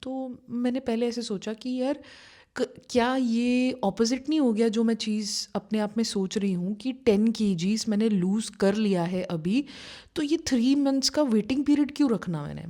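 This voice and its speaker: Her voice sits on the high side, warm in tone and moderate in pace, as this young manifestation coach shares her personal story to camera. She chats casually, blending English phrases into her Hindi and often saying fillers like "you know."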